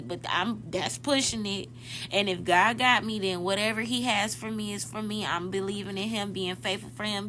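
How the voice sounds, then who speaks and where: Speaking straight to her audience, this podcast host in her twenties gives casual motivational talk and frequently corrects herself mid-thought. She has a medium pitch and a fairly bright tone, and the recording carries a little hiss or hum.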